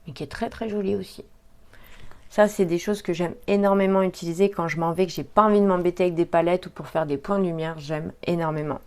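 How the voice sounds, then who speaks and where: A woman's voice: on the low side, steady tone, fast. Woman, beauty vlogger, casual chatty unboxing, hesitant with fillers.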